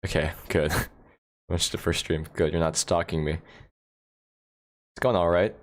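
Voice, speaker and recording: Casting: low-voiced American man, loose livestream chatter, laughs a lot, phone mic at home. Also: fairly even intonation, unhurried. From United States. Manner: rambling, laughs often, answers chat questions. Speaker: livestream host. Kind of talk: casual livestream chat.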